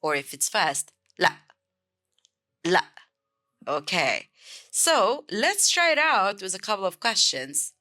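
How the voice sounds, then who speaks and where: A woman from Egypt with an Egyptian accent, teaching a beginner language lesson and clearly repeating each word several times. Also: medium pitch, sing-song, slow, long pauses, sharp tone. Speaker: Arabic teacher.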